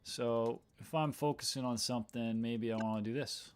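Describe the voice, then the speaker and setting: A man talks casually into a desk microphone as he edits video on a livestream. His voice sits at an ordinary middle pitch. He thinks aloud, often trailing off and restarting his sentences. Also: steady tone, normal speed, a little hiss or hum. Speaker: video editor. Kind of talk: casual livestream talk while editing.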